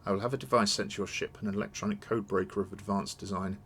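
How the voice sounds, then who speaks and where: A man voicing a courteous older nobleman in a video game, measured and formal. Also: on the low side, steady tone, a bit bright, a little hiss or hum. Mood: businesslike. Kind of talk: read-aloud of video game dialogue.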